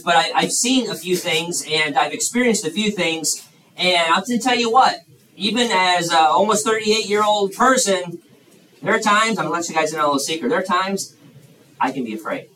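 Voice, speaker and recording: A man in his thirties delivers a youth sermon with audience questions, preaching to young people in a folksy, chatty style full of fillers and restarts. His voice sits high, expressive and bright, with a forceful tone at a moderate pace. The room is echoey, the mic far away, with a faint hiss.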